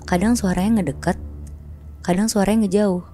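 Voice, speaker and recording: A woman's voice: mid-range voice, fairly even intonation, moderate pace, mellow, slight background noise. A woman casually telling a horror story on a podcast, chatty and slangy, acting out sounds.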